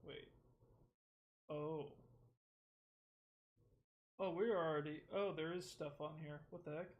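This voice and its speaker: A man streaming live, chatting excitedly with viewers and reading a booklet aloud in a rambling, eager way. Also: a little high, takes it slowly, highs cut off. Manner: excitable, rambling, talks to chat.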